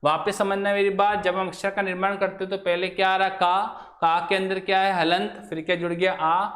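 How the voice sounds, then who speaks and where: A man's voice: high voice, flat delivery, normal speed, a bit bright. A man teaching a grammar lesson to a class. He keeps asking questions and then answering them himself. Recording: echoey room.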